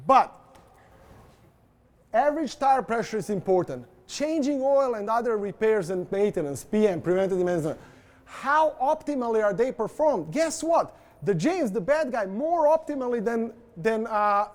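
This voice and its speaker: Male presenter, high voice, casual joking delivery, talks straight to the audience. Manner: informal, joking, addresses audience directly. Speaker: industry presenter. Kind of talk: conference presentation. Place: event presentation.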